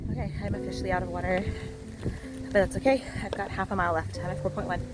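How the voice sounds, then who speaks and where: A woman's voice: mid-range voice, steady tone, fast. Breathless woman vlogging while jogging, music behind. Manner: talking while jogging and walking, breathy with exertion; candid, self-encouraging. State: out of breath, tired. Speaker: running vlogger. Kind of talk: casual chat to camera during a run. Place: outdoors on a running route. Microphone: handheld phone.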